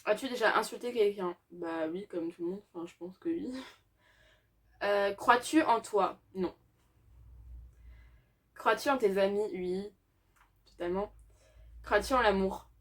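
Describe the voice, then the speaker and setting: A woman's voice: mid-range voice, a little slow, pauses often. A teenage girl answering tag questions in a casual, hesitant way, with frequent fillers and little laughs. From France. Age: teens. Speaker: YouTuber.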